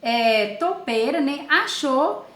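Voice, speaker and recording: A woman's voice: sits high, animated, slow, fairly bright tone, echoey room. A woman teacher giving an online class and reading a story aloud, asking questions and answering them herself.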